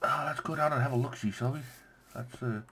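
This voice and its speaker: A man giving casual let's-play commentary on his game, playful and quick to gush with delight. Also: medium pitch, background noise. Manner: playful, gushes with delight, says "yoink" and "bam". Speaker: gameplay commentator.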